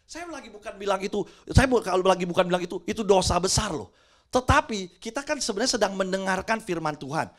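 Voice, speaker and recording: A man's voice: high voice, a bit bright. A middle-aged man preaching a chatty youth sermon in a church, dropping English words in and keeps asking his listeners whether they agree. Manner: keeps asking the audience "right or not?". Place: church with a congregation, also livestreamed.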